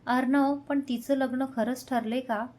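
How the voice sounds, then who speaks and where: A woman reading the part of an easygoing young man, a loyal best friend, speaking in a calm, reassuring way. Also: sits high, a little slow.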